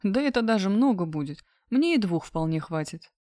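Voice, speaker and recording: A woman reading a husky, careless young man who mockingly dumps his girlfriend in an audiobook. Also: mid-range voice, expressive, moderate pace, warm tone, no room sound, clean studio sound, natural voice.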